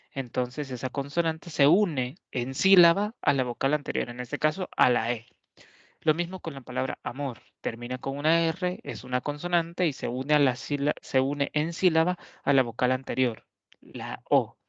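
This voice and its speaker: A man's voice: mid-range voice, a bit bright, no room sound. A man giving a pre-recorded lecture as a teacher, explaining step by step and often checking in with his students. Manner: measured, explanatory, frequent "¿verdad?" check-ins. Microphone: laptop or webcam mic, camera switched off. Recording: dry, dull lo-fi recording.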